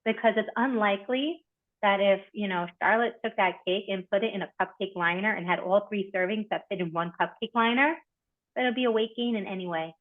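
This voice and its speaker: A woman hosting an online group, coaching members with animated, encouraging talk and reflective questions. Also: mid-range voice, a little fast. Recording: tinny phone-like video call audio.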